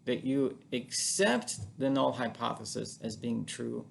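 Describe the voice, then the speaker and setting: A man with a mid-pitched, gravelly voice walks through a statistics lesson at home. He talks casually to the camera, with plenty of fillers and restarts as he explains. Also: expressive, a little slow, slight background noise. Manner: casual, chatty explaining with frequent fillers and self-corrections. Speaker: statistics teacher. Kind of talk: informal recorded lecture.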